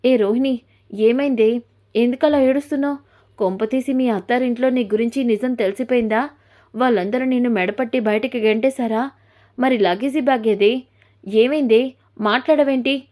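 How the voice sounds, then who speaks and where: A woman's voice: a little high, normal speed, pauses often, a little mellow, close to an everyday voice. A woman voicing a frank young female friend who bluntly reproaches her friend, in a retold serial story. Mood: questioning.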